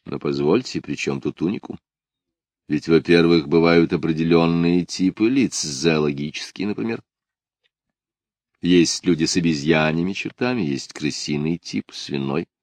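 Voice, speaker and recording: Deep-voiced man narrating a novel. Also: moderate pace, darkish tone, no room sound. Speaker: audiobook narrator. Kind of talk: literary audiobook narration.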